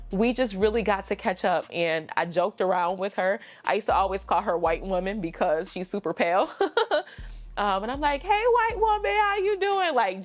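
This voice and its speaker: A woman vlogger telling a personal story, candid and emotional, chatty with slang asides. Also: fairly low pitch.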